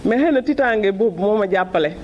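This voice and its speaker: A Senegalese woman giving an emotional farewell speech, halting and repeating words, crying with joy. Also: mid-range voice, lively intonation, a little mellow, slight background noise. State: tearful with joy, happy crying. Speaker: departing cultural centre director.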